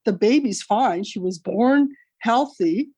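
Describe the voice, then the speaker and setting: A woman's voice: on the high side, animated, a little mellow, breathy edge, dry recording. A middle-aged woman, Italian her first language, earnestly and hurriedly telling her story as an interview guest, often restarting her sentences. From Canada. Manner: earnest, rushed retelling with many restarts. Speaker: guest, author. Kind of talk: interview over a call.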